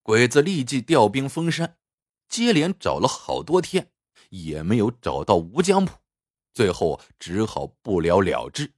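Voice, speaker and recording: Slow, husky male storyteller. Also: fairly low pitch, no room sound, clean studio sound. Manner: slow, expressive storytelling with a sign-off to listeners. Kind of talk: storytelling narration.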